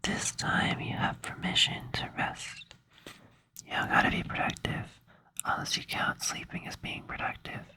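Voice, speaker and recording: This ASMR creator rambles in a breathy whisper near the microphone, sounding drowsy, hesitant, playful and soothing. She keeps a measured pace with a sharp tone.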